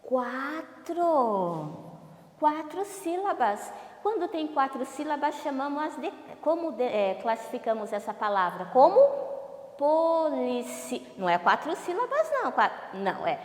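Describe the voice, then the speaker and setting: A woman's voice: sits high, big pitch swings. A woman teacher giving a televised class lesson, drawing out each syllable and asking questions she then answers herself. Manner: slow, drawn-out syllables, asks questions and answers them. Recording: echoey room with long reverb.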